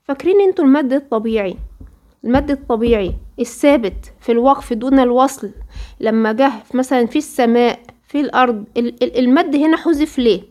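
A woman with an Egyptian accent teaching Quran recitation rules, asking her students questions and answering them herself, sometimes drawing out example words slowly. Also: high voice, mellow. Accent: Egyptian Arabic. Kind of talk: interactive lesson with students.

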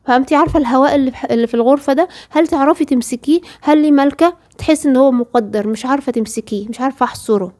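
A woman's voice: high-pitched, racing, hardly any pauses, darkish tone. A woman with an Egyptian Arabic accent teaching tajweed, explaining patiently and asking her female student rhetorical questions. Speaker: Quran recitation teacher. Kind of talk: tajweed lesson.

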